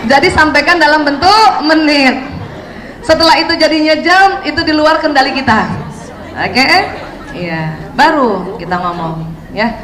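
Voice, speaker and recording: A woman's voice: high-pitched, a little slow, crowd noise. A woman teaching an Islamic study session to mothers, often quizzing her listeners with questions. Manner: quizzes the audience with frequent questions. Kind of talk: religious study lecture to mothers. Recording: echoey room with faint noise.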